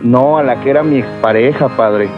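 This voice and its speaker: A man making a comic confession to a mock priest in a drawn-out manner. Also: mid-range voice. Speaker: comedy show participant making a mock confession. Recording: slightly dull sound with music behind. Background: background music.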